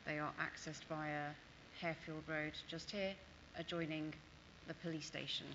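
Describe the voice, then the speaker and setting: Low-voiced woman presenting, muffled noisy recording. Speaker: planning officer presenting. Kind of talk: formal presentation of plans. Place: large council chamber. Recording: muffled chamber audio with clear background noise.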